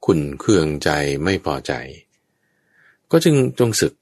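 A man's voice: unhurried, darkish tone, no room sound. A man teaching Buddhist Dharma in a conversational way, explaining patiently and checking that his listener understands.

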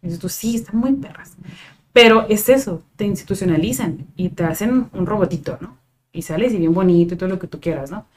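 A woman's voice: medium pitch, fairly quick, background noise. A Mexican woman in her thirties, a psychologist, chatting casually and expressively with lots of fillers. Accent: Mexican Spanish. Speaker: psychologist guest. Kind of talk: casual podcast chat.

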